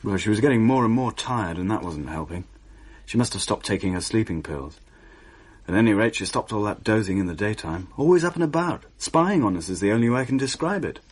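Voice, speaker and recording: An actor playing a young adult son narrating a radio play in a wry, understated way. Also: male voice, lowish voice, expressive, a little fast.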